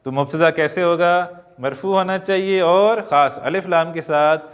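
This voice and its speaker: A man teaching an Arabic lesson, reading words slowly and adding joking asides to his students. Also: on the high side, clear, resonant tone. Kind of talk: classroom-style lesson. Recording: long hall reverb.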